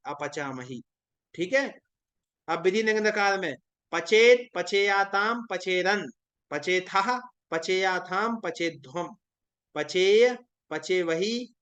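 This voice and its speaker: A young man teaching Sanskrit grammar in an online exam-prep lesson, reciting verb forms in a steady rhythmic drill and correcting pronunciation. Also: high voice, clean tone.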